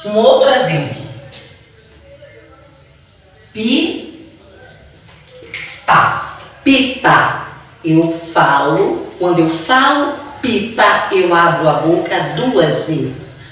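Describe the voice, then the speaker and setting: Brazilian woman teacher, patient and slow, lively pitch, lowish voice, echoey room, distant mic. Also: slight background noise. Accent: Brazilian Portuguese. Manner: drawn-out syllables, patient repetition. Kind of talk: slow, deliberate classroom explanation. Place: classroom.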